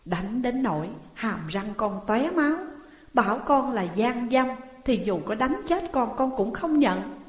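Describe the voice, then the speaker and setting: A woman's voice: a little high, animated, unhurried. A woman voicing a wrongly accused young wife who pleads and protests in anguish, in a storybook reading. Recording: roomy, long reverb.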